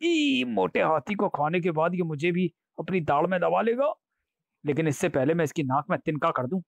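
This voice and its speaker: A man's voice: a little high, expressive, moderate pace, gravelly, dry recording, voice pushed up. A man voicing a cunning, cheeky courtier in a comic audiobook, full of mocking quips and nervous asides. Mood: wisecracking. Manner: wisecracking and sly, mocking quips. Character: cunning, cheeky male courtier, sly and cowardly.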